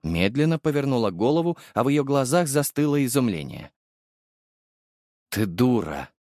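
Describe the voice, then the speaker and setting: A man narrating a first-person audiobook with expressive, wry storytelling. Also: medium pitch, a little fast, no echo, clean studio sound.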